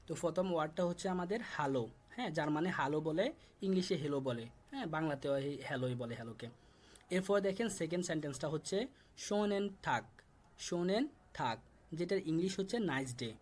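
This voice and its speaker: A young man from Bangladesh teaching a live online class, patiently repeating words slowly for pronunciation. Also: a little high, a little mellow. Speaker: German language teacher.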